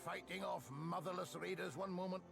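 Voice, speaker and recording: A bleary, amused sailor from a video game. The voice is high and creaky with lively swings, wry and hearty, under clearly audible music. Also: male voice, moderate pace. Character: gruff, bleary-eyed, amused male sailor. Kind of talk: video game character dialogue.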